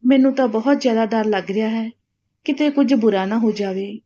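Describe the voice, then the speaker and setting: A woman's voice: on the high side, fairly quick, mellow, natural voice. A woman voicing a worried older village aunt in a spoken story, in a pleading, fretful way. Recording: dull lo-fi recording.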